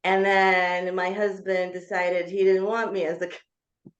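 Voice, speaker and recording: A woman's voice: fairly low pitch, level tone. A woman in her thirties, from Georgia, a guest author telling her life story in an interview with earnest, hesitant phrasing full of ums. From Georgia (former Soviet Union). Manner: earnest, frequent ums, speeds up and slows down. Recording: echoey, dull lo-fi remote audio.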